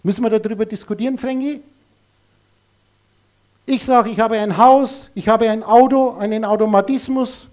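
Male lecturer, high voice, blunt and emphatic, rhetorical questions, live talk to an audience. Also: fairly even intonation, moderate pace, pauses often, a little mellow.

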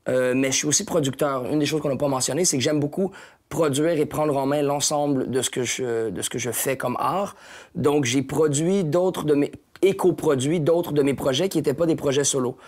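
A hip-hop artist in his thirties with a Québécois French accent answers interview questions thoughtfully, often hesitating and restarting. His slightly high male voice has a darkish tone at normal speed, captured by a lapel mic in a small lounge studio.

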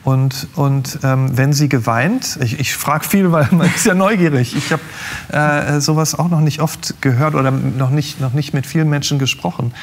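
A middle-aged talk show host asks questions conversationally in a large TV studio. His voice is a little high, with a steady tone and a moderate pace.

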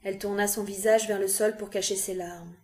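A woman reading a novel aloud with calm, even narration. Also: mid-range voice, fairly quick. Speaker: reader.

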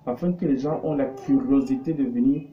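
A middle-aged business coach and consultant explains ideas conversationally, using examples and rhetorical questions. His mid-range voice is steady and a little fast. The recording, made in a small indoor studio office, sounds muffled, dark and noisy.

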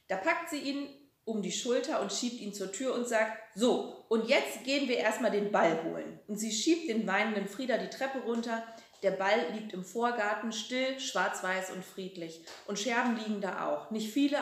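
A woman reading a children's story aloud, telling it in a calm, expressive way. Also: mid-range voice, normal speed. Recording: roomy echo.

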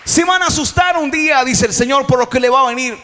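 A man preaching a sermon as pastor in a church, with a Salvadoran Spanish accent, calling out to the congregation and rising to loud exhortation. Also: very high voice, quick pace, some chatter behind, a little hiss or hum. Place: church hall.

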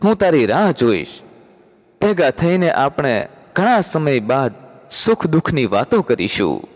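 A man's voice: fairly high pitch, sing-song, a little slow. Storybook role: a man doing an earnest, affectionate friend, slightly raised voice, echoing hall sound. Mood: eager. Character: warm-hearted man, eager old friend. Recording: long hall reverb.

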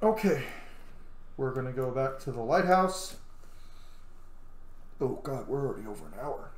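Speaking in an animated, mid-range voice at a moderate pace, a game streamer and video host around his thirties chats enthusiastically through a let's-play with casual asides. He records indoors in a small home room, the sound roomy, with video game music and dialogue behind him.

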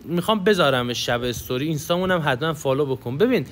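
Animated young male gaming commentator. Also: a little high, slight background noise. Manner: chatty, coaching viewers on tactics. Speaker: gaming YouTuber. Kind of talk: casual gameplay commentary.

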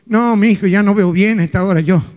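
A man voicing a cheeky, mischievous old grandmother in a slow, drawling voice during a live stand-up set. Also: high voice, darkish tone, voice pushed down, lightly acted. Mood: sly. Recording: live stage with long hall reverb.

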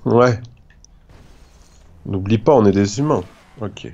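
A man's voice: on the low side, slow pace, a little mellow, lo-fi sound. A man chatting casually and jokingly with a friend as he plays a video game. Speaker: gamer. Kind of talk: casual gameplay chat with a friend.

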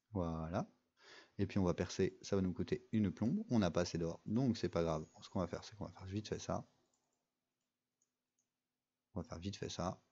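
A man's voice: sits low, gravelly, mellow, husky, dull audio. A young man giving casual, rambling commentary over a mobile game, full of fillers and restarts. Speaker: gaming video creator.

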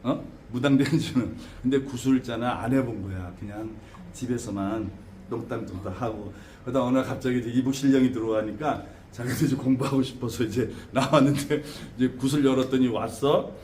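A man teaching students as a shaman teacher, lecturing in an animated way with frequent tag questions and laughter. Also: mid-range voice, fairly quick. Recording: echoey room with faint background noise.

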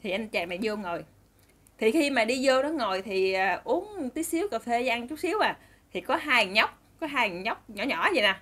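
A woman's voice: on the high side, expressive, normal speed, a bit bright. A woman with a Southern Vietnamese accent telling a story in a chatty way, addressing her listeners directly.

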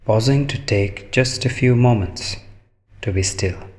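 A man with a medium-pitched voice leads a guided meditation calmly and in a measured way, speaking in short phrases with long pauses.

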